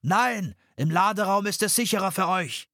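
An urgent, protective scientist shouts orders on a ship in a storm, his voice pushed high, as a male narrator acts him out. The reading is dry and close with a husky grain. Every line comes out as a hurried command. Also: no echo, exaggerated voice.

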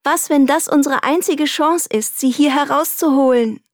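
A determined young girl, as a woman reader puts her on, calls out in a high, urgent voice. Her words come emphatic and stubborn in this audiobook. The sound is dry and close, with no room around it. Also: moderate pace, dry recording. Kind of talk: audiobook reading.

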